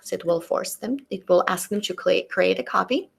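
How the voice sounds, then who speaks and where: Her voice sits on the low side, gravelly with a breathy edge: a middle-aged teacher and native Russian speaker with a Russian accent. She presents a webinar through a computer mic, deliberately and carefully demonstrating a tool on screen.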